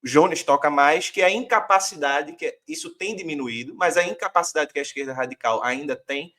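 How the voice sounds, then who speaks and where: A man's voice: fairly high pitch, brisk, bright, forceful tone. A man from Brazil arguing a political point as a guest author, reflective and using many fillers. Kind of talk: political discussion.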